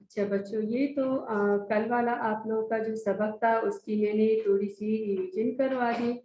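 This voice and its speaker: A woman's voice: on the high side, steady tone, normal speed, warm tone, a little hiss or hum. A woman teacher giving a recorded lesson to young children, stretching out each letter name for them to repeat. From Pakistan. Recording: echoey, dull lo-fi recording.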